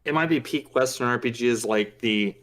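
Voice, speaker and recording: A young man co-hosts a podcast, chatting casually and briskly in a medium-pitched voice. He rambles and uses plenty of fillers.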